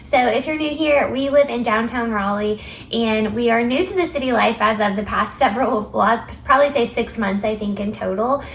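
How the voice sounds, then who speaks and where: A woman's voice: a little high, moderate pace, creaky, slight background noise, rough recording. A woman hosting a vlog, talking in a casual, conversational style. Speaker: vlog host. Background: music.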